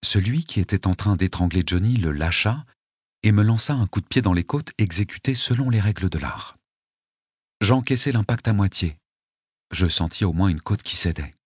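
A man narrating an audiobook in a vivid, lively reading. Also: sits low, moderate pace, slightly rough, dry recording, clean studio sound.

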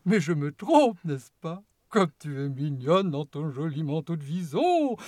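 A woman voicing a small, lively, mischievous male chocolate-maker in an audiobook, with gushing, theatrical welcomes that keep swooping up and down. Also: sits low, measured pace, dry recording, studio quality, heavily acted. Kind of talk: audiobook character voice.

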